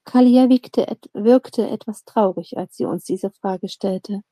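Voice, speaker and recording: A woman narrating a fantasy audiobook in a calm, measured storytelling voice. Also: medium pitch, dry recording. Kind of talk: audiobook reading.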